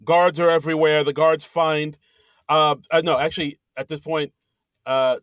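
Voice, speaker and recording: A man co-hosting a podcast, casually retelling a film's plot and slipping into quick quoted voices. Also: a little high, little pitch movement, fairly bright tone, no echo. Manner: retells scenes with quick put-on quotes and laughs. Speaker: podcast co-host. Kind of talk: casual movie recap chat.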